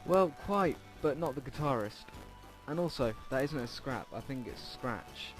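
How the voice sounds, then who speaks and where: Unhurried and expressive, a medium-pitched male voice narrates a visual novel let's play over game music. The recording is rough, and he reads informally with asides, occasionally fumbling words.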